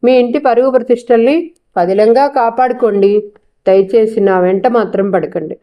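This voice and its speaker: A woman's voice: a little high, moderate pace, warm tone, natural voice. A woman voicing a proud, defiant young wife with a cutting, sarcastic way of talking.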